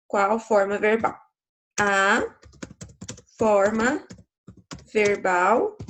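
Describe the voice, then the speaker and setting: Brazilian woman teacher doing a grammar lesson, slow and patient, higher voice, keeps checking in with the kids. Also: slight background noise. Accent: Brazilian Portuguese.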